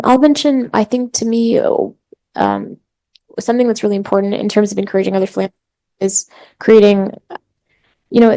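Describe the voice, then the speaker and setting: A woman's voice: medium pitch, vocal fry, dark tone. A woman on a philanthropy panel, speaking in an earnest, reflective way. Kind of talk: panel discussion.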